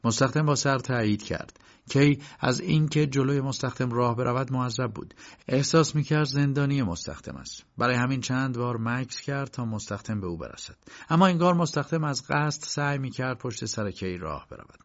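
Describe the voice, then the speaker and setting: A man narrating an audiobook in a measured, steady storytelling manner, in a dull lo-fi recording. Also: medium pitch.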